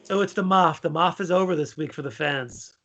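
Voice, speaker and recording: A man co-hosting a casual fan podcast, talking in a loose, halting way with lots of fillers. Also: on the high side, creaky, fairly bright tone, lo-fi sound. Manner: laid-back, halting, many fillers. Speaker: podcast co-host. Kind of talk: casual chat.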